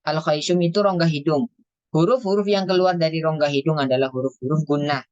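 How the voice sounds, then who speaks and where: A teacher giving an online lesson on Quran recitation, stretching out recited phrases slowly, then explaining each point briskly. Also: medium pitch, a little mellow, no echo, highs cut off. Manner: slow drawn-out recitation alternating with brisk explanation. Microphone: video call.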